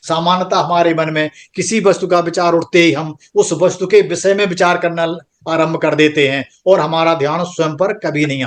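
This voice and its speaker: A man teaching a spiritual class online, explaining patiently and checking in with the listeners again and again. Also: sits high. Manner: patient, repetitive explaining with frequent "theek hai". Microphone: computer microphone on an online group call.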